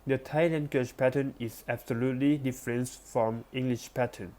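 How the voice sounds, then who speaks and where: A man reading an academic text aloud as a lesson, careful and deliberate, with small restarts. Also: mid-range voice, fairly even intonation, mellow. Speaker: presenter.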